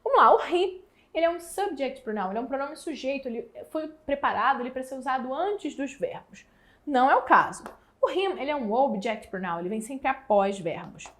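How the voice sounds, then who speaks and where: A Brazilian woman with a Brazilian Portuguese accent and a high-sitting voice teaches an English lesson for exam prep. She draws out the example words slowly.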